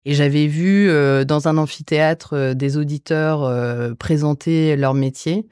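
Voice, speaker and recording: A woman in her forties from the Paris region, a guest in a podcast interview, answering hesitantly with many filler pauses. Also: low-pitched, fairly even intonation, darkish tone, clean tone, no room sound, studio quality. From Paris region, France. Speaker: guest investor.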